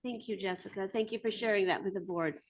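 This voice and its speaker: A woman's voice: medium pitch, fast talker. A woman chairing a county board meeting, briefly and courteously thanking speakers and greeting the next.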